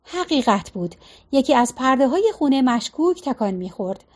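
High-voiced woman reading a novel. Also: big pitch swings. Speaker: narrator. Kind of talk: audiobook narration.

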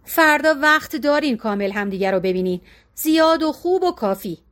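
A woman's voice: high-pitched, animated, a bit bright. A woman voicing a curt, matter-of-fact middle-aged husband in an audiobook. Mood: teasing. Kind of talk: audiobook character reading.

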